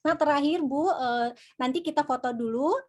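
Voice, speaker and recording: A woman's voice: sits high, moderate pace, darkish tone. A woman moderating an online community session over a video call, polite and respectful toward the speaker.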